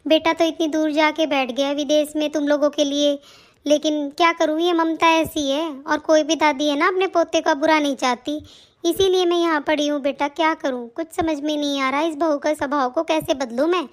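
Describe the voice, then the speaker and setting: A woman's voice: sits high, fairly even intonation, normal speed, close to an everyday voice. A woman playing an older mother-in-law in a comedy sketch, grumbling and complaining to herself about her daughter-in-law. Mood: pleading. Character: older mother-in-law, put-upon and self-pitying.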